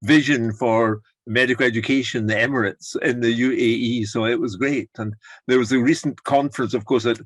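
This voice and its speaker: A man's voice: mid-range voice, steady tone, a little fast, no echo. An older man leading an online course, chatting encouragingly over a video call and rambling with restarts. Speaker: course leader. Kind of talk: casual chat on a video call.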